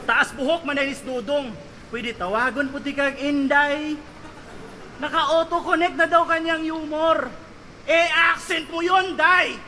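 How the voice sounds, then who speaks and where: A man performing a battle rap verse, taunting his opponent with punchy lines and shouted punchlines. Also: very high voice, steady tone, measured pace, slight background noise. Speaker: battle rapper.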